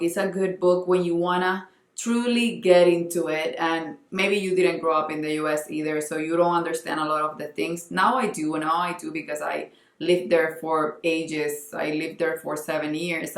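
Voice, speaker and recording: Low-voiced Colombian woman reviewing books. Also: reverberant. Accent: Colombian Spanish. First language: Spanish. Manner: earnest, restarts often while searching for words. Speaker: book vlogger. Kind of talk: casual book review vlog.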